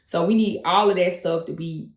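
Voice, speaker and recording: A woman's voice: fairly low pitch, fairly even intonation, normal speed. A woman co-hosting a business podcast, giving advice in a laid-back, informal way. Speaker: podcast co-host. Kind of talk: casual business podcast chat. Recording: roomy echo.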